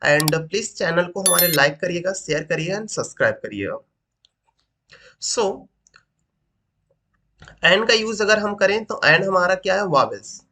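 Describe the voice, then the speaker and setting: A man explains grammar in a high, bright voice. He teaches at a steady, patient classroom pace, keeps asking his listeners questions and repeats key points. He checks understanding with short confirmations. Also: measured pace, long pauses. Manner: asks rhetorical questions, repeats points, says "ठीक" often. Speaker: English teacher.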